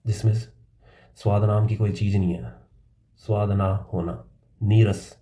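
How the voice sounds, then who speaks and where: A man teaching English vocabulary, explaining words casually in Hindi and reading English definitions slowly. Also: on the low side, level tone, warm tone. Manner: calls listeners "भाई".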